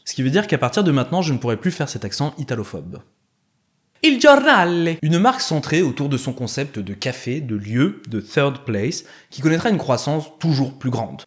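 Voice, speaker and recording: A man narrating a scripted video essay as its host, with sarcastic, slangy asides. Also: mid-range voice.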